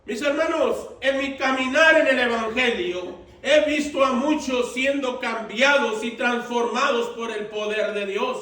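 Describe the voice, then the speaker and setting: A man preaching a sermon as pastor, slow and deliberate, repeating his phrases for emphasis. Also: extremely high pitch, sharp tone. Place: church sanctuary. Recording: echoey church room, mic at a distance.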